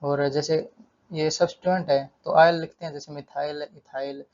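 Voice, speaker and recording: A man's voice: on the high side, moderate pace. Man tutoring chemistry, lo-fi sound. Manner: steady, repeats terms, counts aloud. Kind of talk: whiteboard lesson explanation.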